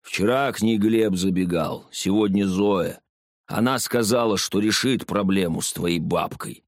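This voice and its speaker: A man voicing a stern old village herbalist woman who talks curtly and hoarsely in an audiobook. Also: low voice, no room sound, clean studio sound. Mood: commanding. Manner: curt, slow and commanding.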